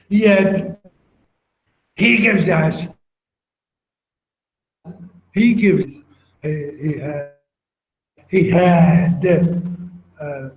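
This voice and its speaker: A male university lecturer with an Iraqi accent and Arabic as his first language talks through a poem in a high-pitched, slow, repetitive way, pausing to quiz students by name. The recording is dull and lo-fi, captured in an echoey classroom. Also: darkish tone, a little hiss or hum.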